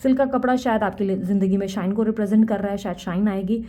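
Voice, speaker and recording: A young adult woman giving a tarot reading, talking fast and earnestly and mixing English words into her Hindi. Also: medium pitch, steady tone, dark tone. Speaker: tarot reader.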